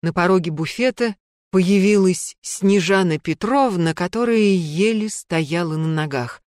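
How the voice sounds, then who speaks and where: A woman narrating a story in an even, measured audiobook style. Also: lowish voice, no echo, clean studio sound.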